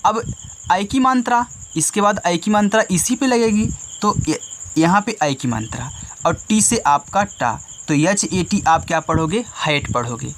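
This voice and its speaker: A man teaches young children a reading lesson in a patient, step-by-step way, asking a question and then answering it. His voice sits a little higher than most men's. Faint insect and cricket sounds run underneath the recording. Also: animated, measured pace, fairly bright tone, slight background noise.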